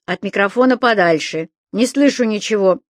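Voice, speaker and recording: A woman's voice: medium pitch, moderate pace, no echo, clean studio sound, natural voice. Woman playing a brusque dispatcher. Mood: curt. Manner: brusque, impatient. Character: curt harried female elevator dispatcher.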